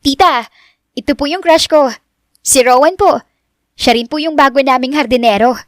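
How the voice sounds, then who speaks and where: A woman's voice: high voice, no room sound, studio quality, voice pushed up. A woman voicing an outspoken, bubbly young woman who speaks eagerly, read as an audiobook character. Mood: cheerful. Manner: eager and bright, quick to exclaim.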